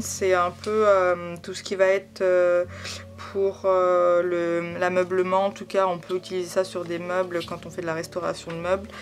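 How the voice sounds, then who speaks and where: A woman vlogger chatting casually while unboxing scrapbooking supplies, gushing with enthusiasm and lots of fillers and repeats. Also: lowish voice. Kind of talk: casual product unboxing chat. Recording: background music under the voice.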